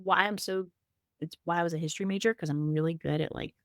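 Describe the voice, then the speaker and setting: A middle-aged woman appears as a podcast guest, sharing her grief story in casual, conversational fashion, candid and emotional, full of restarts and fillers. Her voice sits on the low side with fairly even intonation, and she talks fast. The studio-quality recording has no echo.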